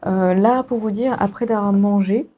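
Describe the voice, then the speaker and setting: Speaking at a moderate pace in a warm, mid-range voice, a young book vlogger chats casually despite congestion and a sore throat, laughing and using many fillers. The sound quality is lo-fi.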